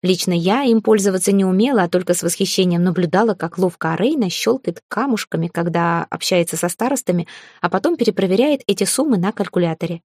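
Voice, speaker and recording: A woman reading a first-person audiobook in a calm, even storytelling manner. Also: fairly low pitch, fast talker, dry recording, studio quality. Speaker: audiobook narrator.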